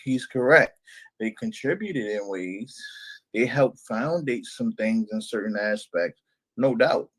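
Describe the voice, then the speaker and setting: A man chimes in on a panel in a forceful, animated way. He leans hard on key words as he argues his point. His pitch sits in the middle range. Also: takes it slowly, low-quality recording. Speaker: podcast panelist. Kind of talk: casual opinionated discussion.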